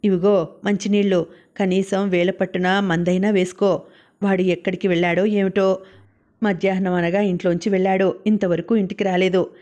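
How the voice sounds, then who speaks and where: A woman's voice: medium pitch, flat delivery, moderate pace, mellow, natural voice. A woman reading the part of a kindly older mother-in-law coaxing her daughter-in-law to eat. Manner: coaxing, affectionate.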